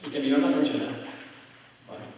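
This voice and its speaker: A man preaching a storytelling sermon to his congregation, swinging between loud and soft. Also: fairly high pitch, fast talker. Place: church hall. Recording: echoey hall, mic far off, faint noise.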